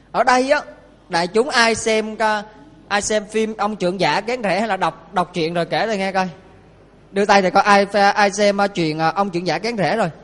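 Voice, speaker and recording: A monk preaches in a high voice, telling a story and quizzing his listeners. A hall gives his words a long reverb. His delivery is lively and engaging. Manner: lively, questioning the audience. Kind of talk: sermon with storytelling.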